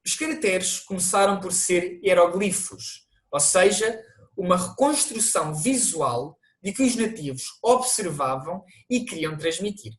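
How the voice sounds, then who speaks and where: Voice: medium pitch, expressive, measured pace. A teacher with a European Portuguese accent, narrating an online language lesson and explaining things to viewers, with the odd restart.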